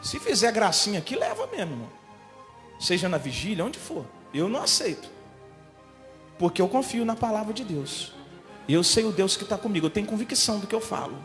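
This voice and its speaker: A Brazilian man preaches as pastor in a very high, bright voice that swings all over the place. He tells his story with forceful emphasis and sometimes rises to a shout. The church hall gives a long echo, with faint music behind him. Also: a little fast. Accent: Brazilian Portuguese. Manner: emphatic and animated, builds to shouting. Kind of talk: sermon told as a personal story.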